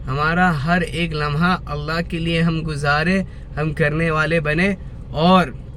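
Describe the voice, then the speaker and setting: A man with a high voice speaks slowly and earnestly, like a small sermon to camera. He repeats phrases for weight and clears his throat often through a lingering cough. Faint street noise sits low behind him. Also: a bit bright. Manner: earnest, preachy, repeats phrases, recites devotional verse. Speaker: vlogger. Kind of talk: slow reflective religious talk to camera.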